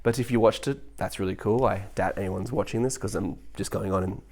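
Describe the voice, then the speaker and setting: A man vlogging in a loose, rambling monologue. He talks quickly and animatedly, restarting his sentences often and slipping into mocking voices for the people he quotes. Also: lowish voice, a little mellow. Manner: mock voices when quoting others.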